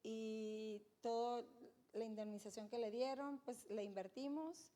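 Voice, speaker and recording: Her voice sits a little high and her pace is unhurried. A middle-aged woman, she is a guest speaker telling her faith story with animation and emphasis, often addressing the listeners directly.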